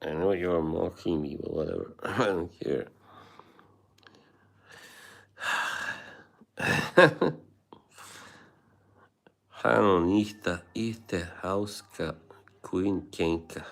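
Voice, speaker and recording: In a low, gravelly voice, an Eastern European-accented man runs an easygoing livestream. He chats with his audience, laughs often and swears without much thought.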